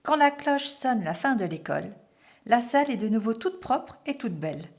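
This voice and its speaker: A woman narrating a children's story with an expressive, animated delivery. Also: a little high, normal speed.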